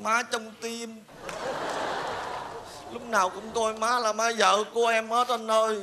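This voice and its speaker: A man's voice: sits high, flat delivery, a little slow, background noise. An actor playing a panicky young man begging for his girlfriend's mother, pleading and overdramatic, in a comic stage sketch.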